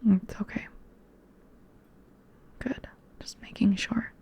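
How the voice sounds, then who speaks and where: Woman playing a whispering gentle doctor. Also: slow, close to an everyday voice. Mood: soothing. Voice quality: breathy. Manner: soft unvoiced whisper. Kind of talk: ASMR roleplay.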